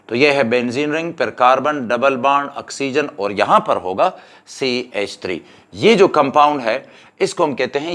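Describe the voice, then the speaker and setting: A man's voice: mid-range voice, fairly bright tone. A man, giving a chemistry exam-prep lecture and explaining each step while mixing in English terms. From Pakistan. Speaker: chemistry teacher.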